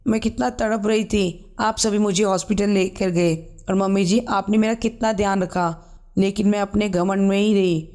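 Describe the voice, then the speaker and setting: A man's voice: high voice, fairly even intonation, moderate pace, a little mellow, smooth, lightly acted. A man voicing a stubborn proud young wife. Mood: remorseful. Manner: stubborn, dismissive. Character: proud pregnant young wife, later sorry.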